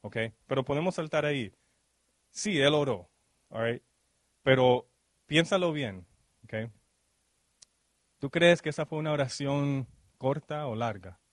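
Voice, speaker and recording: A male preacher of medium pitch, heard in clean studio audio with no echo. At a church service, his sermon is dotted with quick "ok?" checks and questions aimed at the congregation, plus English fillers dropped into Spanish speech.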